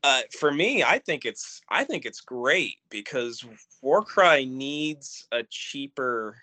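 Bright-voiced man in casual chat. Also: mid-range voice, very animated, slow. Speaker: podcast co-host.

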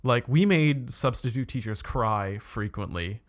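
A man's voice: mid-range voice, a little slow. A man from Canada chatting casually about school, full of filler words and blunt swearing. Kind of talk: casual chat.

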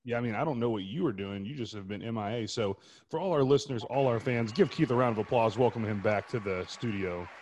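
A man's voice: on the low side, fast, darkish tone, slight background noise. An American man co-hosting a podcast in casual, chatty banter. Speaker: podcast co-host.

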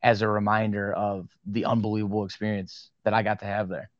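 Guest spot: young Western New York man, animated storyteller, dry close sound, a bit muffled. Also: lowish voice, no room sound. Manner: animated storyteller, quick asides. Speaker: podcast guest, sports card media host. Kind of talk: casual interview chat.

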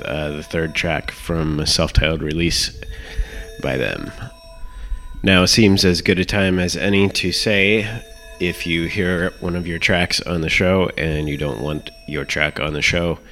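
A man hosting a show with a croaky voice, hoarse from illness, moving between narration and casual announcements with a hesitant, unhurried delivery. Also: low voice, fairly bright tone. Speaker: show host. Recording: music playing behind the voice. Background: music.

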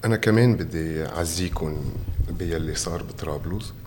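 A man's voice: sits low, fairly quick. A man with a Lebanese Levantine Arabic accent giving political interview answers as a candidate, emphatically repeating his phrases. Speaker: election candidate being interviewed. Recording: reverberant room, faint background noise.

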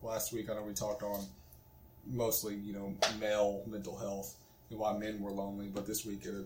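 A man in his twenties co-hosts a casual podcast, rambling with plenty of fillers and laughing easily. His voice sits on the low side, monotone and darkish, at a normal speed. The room is echoey, with a faint hiss or hum.

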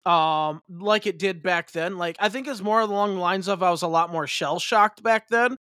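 High-voiced rambling podcast guy. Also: moderate pace, fairly bright tone, clear, resonant tone, dry recording, studio quality. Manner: rambling, many fillers and restarts. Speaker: podcast co-host. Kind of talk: casual wrestling chat.

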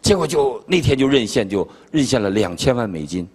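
Older Chinese male pastor, animated story-driven sermon, lively pitch, long hall reverb. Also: fairly quick, breathy edge. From China. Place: conference hall.

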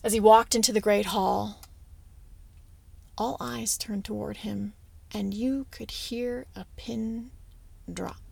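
A woman telling a story aloud on a podcast, with dramatic pauses and casual asides. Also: mid-range voice, fairly even intonation, creaky, darkish tone, husky. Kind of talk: oral storytelling.

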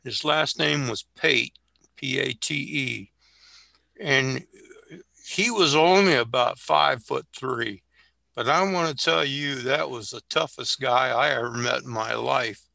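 An older man, a Navy veteran guest, telling stories in a halting, reflective way. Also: medium pitch, creaky, sharp tone, no echo. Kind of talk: casual conversation and storytelling.

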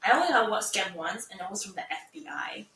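A young woman co-hosting a podcast, chatting and telling stories in an animated way. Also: medium pitch, quick pace, far from the mic, a little hiss or hum. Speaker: podcast co-host. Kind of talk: casual chat. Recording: echoey room, off-mic, faint ambience.

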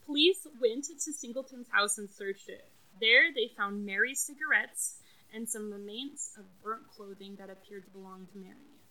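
A woman on a podcast walks her friends through a true crime story, chatting casually and leaning on fillers as she goes. Her voice is bright and forward, with an ordinary middle pitch. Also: moderate pace, poor audio. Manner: chatty, frequent fillers and restarts.

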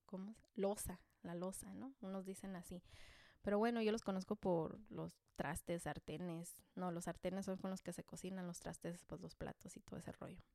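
A woman's voice: lowish voice, fairly even intonation, normal speed, mellow, no room sound. A woman with a Mexican accent, a mother telling a personal story to camera in a casual, joking and self-deprecating way, full of slang.

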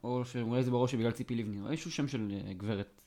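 A man co-hosting a casual podcast chat, a joking storyteller who talks in a lively, teasing way. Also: mid-range voice. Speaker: podcast co-host.

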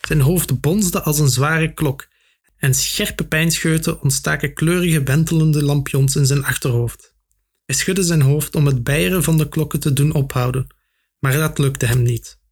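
Husky male audiobook narrator. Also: fairly high pitch, measured pace.

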